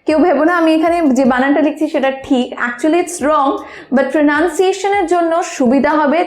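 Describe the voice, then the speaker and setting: A woman's voice: sits high, roomy sound. A woman teaching English pronunciation in a lesson, spelling out words letter by letter. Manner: slow, spelling out letters one by one. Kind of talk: spoken language lesson.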